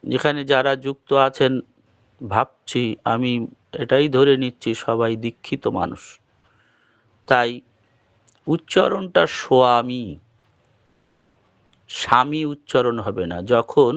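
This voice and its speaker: A man with a Bengali accent giving a devotional talk, explaining slowly and patiently. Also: medium pitch, no echo. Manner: slow, measured, explaining patiently. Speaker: preacher. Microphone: online meeting audio. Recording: dull lo-fi call audio.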